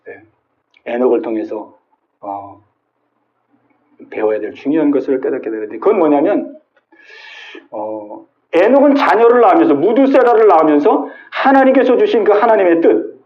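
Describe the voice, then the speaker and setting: A man preaching in a high, animated voice that leaps up and down as he drives each point home. He keeps prodding the congregation with quick "eh?" tags. The sound is roomy and dull, like a lo-fi church recording. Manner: emphatic, prods listeners with repeated "eh?" tags. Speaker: pastor. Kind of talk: sermon. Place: church sanctuary.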